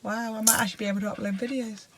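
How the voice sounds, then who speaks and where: A woman's voice: on the high side, little pitch movement, racing, slight background noise. A woman vlogger chatting casually with a companion inside a motorhome. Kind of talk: casual chat.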